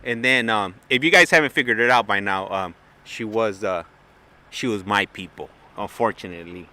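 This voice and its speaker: A man's voice: on the low side, normal speed, bright, forceful tone. A man telling a long story in a loose, chatty way, full of fillers and restarts, as host of his own livestream. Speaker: plane-spotting livestream host. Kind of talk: casual rambling storytelling.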